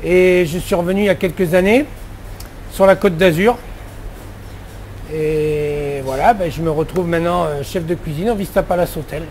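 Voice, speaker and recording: High-voiced chatty French chef. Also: male voice, moderate pace, a little mellow, slight background noise. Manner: chatty, many fillers and restarts. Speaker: head chef. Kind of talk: casual interview answers.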